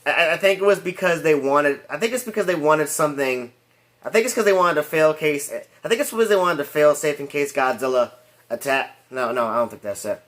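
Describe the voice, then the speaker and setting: A man's voice: on the high side, brisk, fairly bright tone. A man giving a rambling casual movie review, full of restarts and fillers and laughing at his own jokes.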